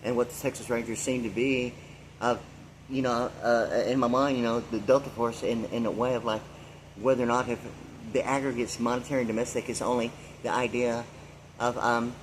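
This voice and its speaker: Speaking fairly quickly in a mid-range voice with little pitch movement, a man in his sixties delivers a meandering vlog monologue of free associations, fillers and loose asides. The recording is rough, with a little hiss or hum.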